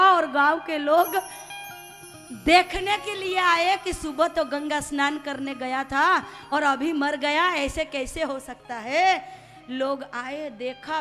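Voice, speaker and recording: A woman's voice: sits high, pushed and bright. A woman giving a devotional sermon, telling a sacred story with drama and switching into the voices of its characters. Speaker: religious storyteller.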